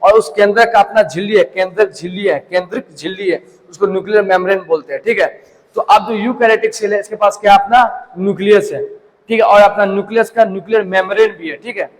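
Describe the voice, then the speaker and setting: A man's voice: high-pitched, quick pace, big-room sound, low-quality recording. A young man teaching biology, asking questions and answering them himself as he tells a story. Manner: asks and answers his own questions, storytelling. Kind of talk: classroom lecture.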